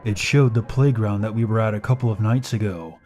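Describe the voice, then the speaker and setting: A man narrating a scary personal story in a steady, measured way. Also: lowish voice.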